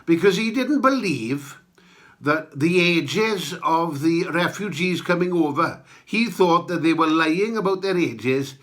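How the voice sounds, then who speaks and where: A man with a Welsh accent delivers opinionated podcast monologue. His voice is fairly high and sharply bright, and he talks slowly, halting and then landing emphatic points. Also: expressive. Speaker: podcast host. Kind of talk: comic political monologue.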